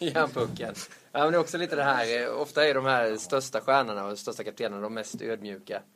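A man's voice: medium pitch, a bit bright, a little hiss or hum. A man hosting a podcast, telling hockey anecdotes with frequent chuckles. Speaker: podcast host. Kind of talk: casual storytelling.

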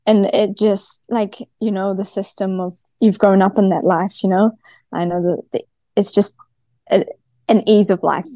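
Female podcast guest, broad Kiwi accent, mellow medium-pitched voice, close dry sound, conversational athlete interview. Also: fairly even intonation, normal speed, no room sound. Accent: broad New Zealand (Kiwi). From New Zealand. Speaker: guest, professional cyclist. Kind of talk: casual podcast interview chat.

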